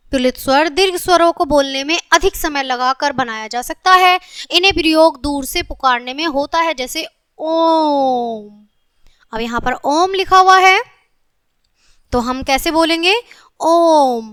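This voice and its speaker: A woman teaching a grammar lesson to children, explaining step by step, slowly stretching each sound she names and often saying "okay". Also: high voice, pushed and bright, no echo, studio quality.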